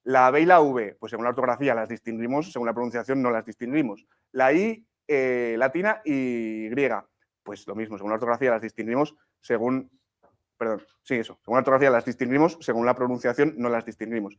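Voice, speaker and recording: A man's voice: medium pitch, fairly quick. A man from leading a live writing workshop, explaining step by step, with many restarts and frequent "¿sí?" and "¿vale?" checks to the class. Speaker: workshop teacher.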